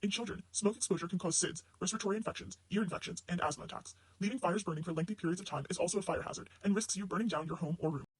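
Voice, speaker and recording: A man plays a brisk, matter-of-fact disclaimer announcer in a parody pharmaceutical ad, rattling off a scripted list of drug dangers. His husky, high-pitched voice races along very fast with few pauses, with no room sound but poor audio quality.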